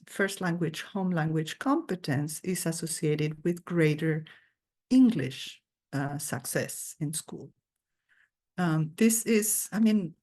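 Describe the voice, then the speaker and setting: A woman guest lecturer giving an earnest, thoughtful academic talk over a video call. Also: on the low side.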